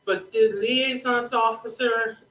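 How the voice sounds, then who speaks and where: An unhurried consultant talks through government contracting step by step, hammering key points home with a bright, forward tone. A scratchy throat keeps interrupting with small clears. The voice sits back from the mic in an echoey room. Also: mid-range voice, little pitch movement, recorded from a distance. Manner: deliberate, instructive, repeats points for emphasis. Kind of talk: live educational monologue. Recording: roomy echo, speaking away from the mic.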